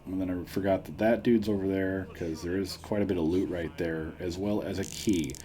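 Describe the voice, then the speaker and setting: A man's voice: sits low, fairly even intonation, normal speed, mellow. A man giving a casual, joking, self-deprecating video game walkthrough as a let's player. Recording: noisy, with game ambience behind. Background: game sounds.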